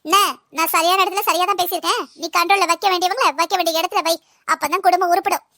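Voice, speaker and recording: A shrill, fast-talking cartoon sister-in-law, voiced by a woman, preachy and sharp-tongued. Her very high, bright voice scolds without a pause and sits dry and close to the mic. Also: steady tone, no room sound, full character voice. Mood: huffy. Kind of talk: cartoon voice acting.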